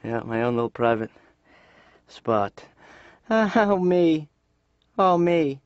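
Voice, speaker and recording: A man's voice: on the high side, big pitch swings, takes it slowly, dry recording. An actor playing an aimless young man, talking in a hesitant, rambling way. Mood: sheepish. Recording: dull dry lo-fi studio track.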